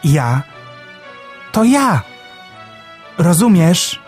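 A man's voice: high-pitched, sing-song, drawn-out words, over loud music, voice pushed up, exaggerated voice. Melek, a chirpy little sparrow voiced by a man. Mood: joyful. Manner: chirpy and eager. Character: cheerful excitable young male sparrow. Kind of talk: storybook audiobook reading.

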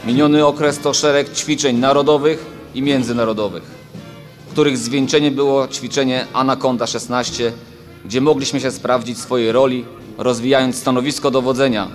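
A man, a military officer, giving a formal summary in measured official language. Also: mid-range voice.

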